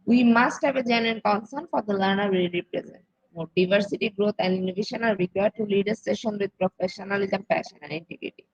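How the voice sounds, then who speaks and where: Bangladeshi woman host reading her webinar intro, kinda husky, dull dry online-call sound. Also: medium pitch, no room sound. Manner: formal, reads lists in a measured way. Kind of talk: reading a scripted institutional introduction.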